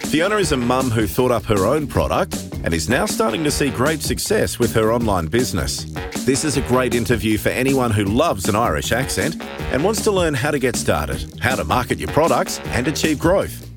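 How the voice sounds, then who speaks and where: A man's voice: medium pitch, sing-song, normal speed. A man reading a scripted promotional podcast introduction as the announcer. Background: music.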